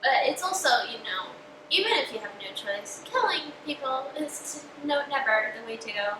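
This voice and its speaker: A woman's voice: high voice, expressive, normal speed. A young woman hosting a casual eating show, chatting with her mouth full and saying "like" a lot. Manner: chatty, with frequent "like" and "you know". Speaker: host. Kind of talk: casual chat while eating. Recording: roomy, distant mic with faint noise.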